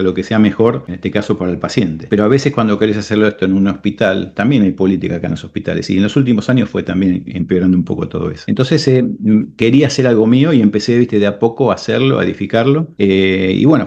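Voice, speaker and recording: Gravelly low Argentine man, animated. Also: dull audio. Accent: Argentine Spanish. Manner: animated storyteller, tags lines with "¿viste?", acts out quoted people. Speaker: podcast guest, business owner. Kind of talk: casual interview talk.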